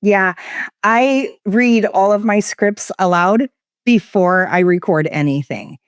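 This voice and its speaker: A woman talks through her work as an interview guest, her pitch and pace rising and falling to keep the listener engaged. Her voice is smooth and clear. The sound is dry and close, with no room echo. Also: takes it slowly. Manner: varied, expressive inflection. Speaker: guest expert. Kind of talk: conversational interview. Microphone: studio microphone.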